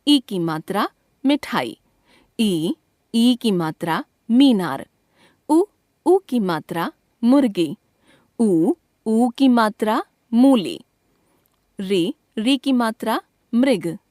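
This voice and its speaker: A woman teaching from a school textbook, reading it out slowly and deliberately, spelling out each letter and example. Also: medium pitch, darkish tone, no echo, studio quality.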